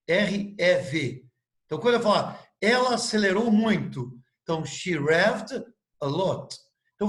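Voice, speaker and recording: Male English teacher, Portuguese native, slow and patient, lots of questions to the class. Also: high-pitched, fairly bright tone, reverberant. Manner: patient, spells words letter by letter and asks questions. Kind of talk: live online lesson.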